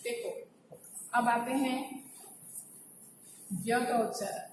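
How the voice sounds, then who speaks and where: A woman's voice: a little high, steady tone, slow pace, far from the mic, background noise. A woman teaching a Hindi pronunciation lesson. She explains step by step and often asks a question, then answers it herself. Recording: echoey room, voice from off-mic.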